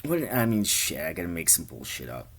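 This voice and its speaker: A man with a low, husky voice rambles through a made-up comedy story. He swears freely and jokes about himself as he goes. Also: very animated, fairly quick. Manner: rambling, crude, self-deprecating. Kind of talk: rambling improvised comedy monologue.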